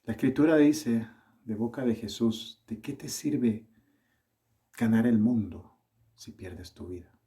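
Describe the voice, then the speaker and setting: A Salvadoran man preaches a sermon earnestly and at a measured pace, his medium-pitched voice carrying a Salvadoran accent softened by some Colombian touches.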